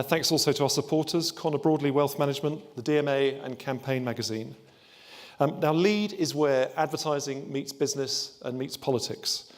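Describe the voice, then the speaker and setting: Upbeat man opening a conference. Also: fairly high pitch. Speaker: trade body chief executive opening a summit. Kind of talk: conference welcome speech.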